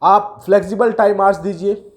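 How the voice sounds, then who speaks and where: A man with a notably high voice talks straight to his viewers. He explains in a loose, chatty way, calling them guys and mixing in English terms. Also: fairly even intonation, moderate pace. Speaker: career video host. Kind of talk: casual explainer talk to viewers.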